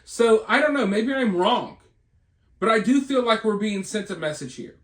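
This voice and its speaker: This American channel host and online video commentator has a notably high voice with lively intonation and a normal speed. He speculates about the news informally, speaking conversationally and rhetorically while checking in with his audience. The room is echoey around his words.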